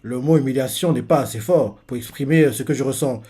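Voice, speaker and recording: A man's voice: medium pitch, fast talker, mellow, breathy edge, voice pushed down, close to an everyday voice. A man doing a cold scornful pirate boss.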